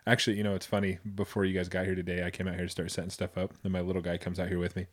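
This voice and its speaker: A middle-aged man hosting a podcast in casual chat, swearing freely and talking briskly. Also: sits low, completely flat delivery. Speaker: podcast host.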